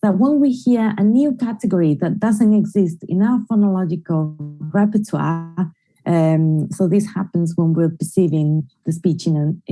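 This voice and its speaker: Dark-voiced woman presenting research. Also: fairly low pitch, poor audio. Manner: explanatory, methodical delivery. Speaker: conference presenter. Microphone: computer mic in an online screen-share presentation.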